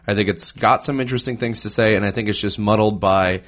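A man's voice: fairly low pitch, fairly even intonation, fast. A man co-hosting a casual film podcast, leading the segments with a dry, teasing humor. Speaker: podcast co-host. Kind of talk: casual chat, film review.

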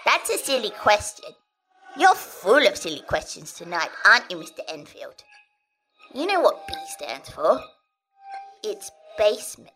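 A man doing Victoria, a high eerie little girl. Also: wildly swooping pitch, unhurried, sharp tone, slight background noise, full character voice, poor audio. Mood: scolding. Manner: prim, scolding, sing-song.

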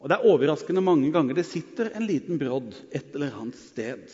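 Man preaching in an echoing hall. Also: a little high. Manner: storytelling, shifts between lively and hushed. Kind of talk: sermon. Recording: dull sound with long hall reverb.

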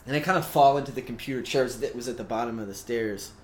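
Guy telling a wild story on a podcast, laughs a lot, normal pitch, bit of hiss. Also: quick pace. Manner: animated storyteller, laughs often. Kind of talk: casual storytelling chat.

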